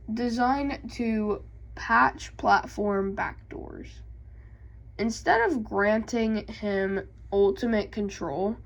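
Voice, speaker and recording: Slow, gravelly young woman, hesitant. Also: medium pitch. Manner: hesitant, many ums and restarts; reads lore slowly, then explains it in her own words. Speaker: gaming YouTuber. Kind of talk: casual vlog and lore reading.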